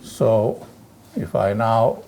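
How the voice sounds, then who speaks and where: A man lecturing on physics, working through exercises aloud in a halting way and peppering his talk with "okay" and "right". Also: lowish voice, very animated, mellow, slight background noise. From Turkey. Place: lecture hall.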